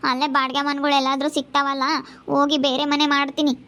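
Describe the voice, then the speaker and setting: A woman's voice: high voice, little pitch movement, fast talker, fairly bright tone, slight background noise. A woman playing a tearful young wife who pleads to go back to her village. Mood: tearful pleading. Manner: weepy, pleading. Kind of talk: village skit acting.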